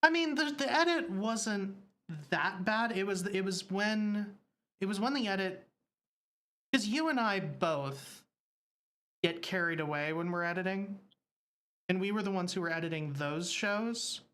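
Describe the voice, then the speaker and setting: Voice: mid-range voice, lively intonation, a bit bright. Talky co-host on a live show, lots of ums, jumps in with corrections. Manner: chatty, quick corrections, many fillers. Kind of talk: casual livestream chat.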